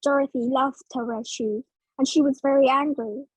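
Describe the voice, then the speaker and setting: A woman from Vietnam narrating a children's storybook in English for learners, slow and clear. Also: high-pitched, fairly even intonation, no echo, low-quality recording.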